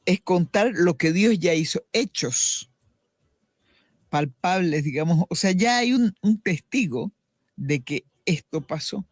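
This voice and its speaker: A woman's voice: on the low side, lively intonation, slow pace, darkish tone, no echo, studio quality. A middle-aged woman giving a personal faith testimony as a radio interview guest, earnest and reflective, often restarting her sentences.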